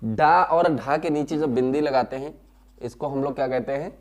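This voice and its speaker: A man's voice: mid-range voice, normal speed. Male teacher, classroom lesson: patient, repeats terms, sounds out syllables, answers his own questions.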